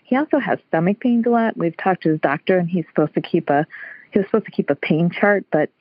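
A woman calling in over the phone, her voice husky and a little breathy. The line sounds dull and muffled. She speaks hesitantly and fills her pauses with "um". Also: lowish voice, no echo. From Chicago area. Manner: hesitant, with many fillers. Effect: heard over the phone. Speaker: caller. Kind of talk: call-in question to a host.

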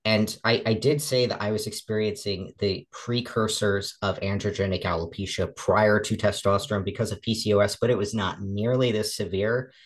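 As a relaxed interview guest, a deep-voiced woman in her twenties keeps a steady tone at a moderate pace with few pauses. She dramatizes the remarks she quotes and often uses fillers and restarts her sentences.

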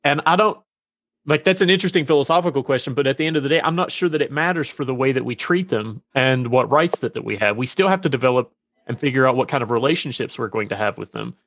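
A man's voice: medium pitch, quick pace, fairly bright tone, no room sound, clean studio sound. Eager man stumbling into a point. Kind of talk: panel discussion.

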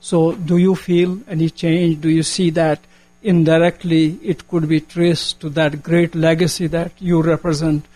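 A man's voice: on the high side, little pitch movement, a little slow, a little mellow, soft background music, rough recording. A man from Kashmir with a Kashmiri accent putting an earnest, formal question from the audience at a public talk. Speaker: audience member asking a question.

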